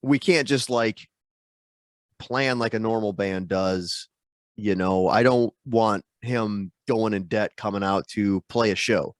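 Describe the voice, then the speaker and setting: In a clean studio sound with no room echo, a guest musician speaks slowly in a fairly low voice. Congested from a sinus infection, he rambles through a casual video-call interview, filler-heavy and self-deprecating.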